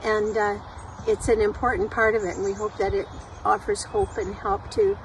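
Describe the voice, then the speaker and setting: A woman's voice: medium pitch, level tone. Woman speaking far off, outdoor noise. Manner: thoughtful with filler pauses. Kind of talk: earnest interview talk. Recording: distant mic with outdoor noise.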